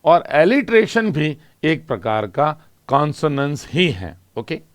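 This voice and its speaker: A man teaching an English exam class, asking questions and answering them himself and reading example lines slowly. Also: a little high, very animated, no room sound. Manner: explains in Hindi with English terms, asks and answers own questions. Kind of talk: classroom lecture.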